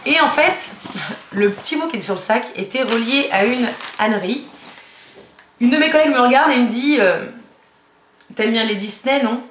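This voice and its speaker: A woman's voice: fairly high pitch, animated, a little fast, a bit bright. A young woman vlogger chatting casually about gifts, rambling and giggling, with many fillers. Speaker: beauty vlogger. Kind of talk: casual haul chat. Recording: echoey room with faint noise.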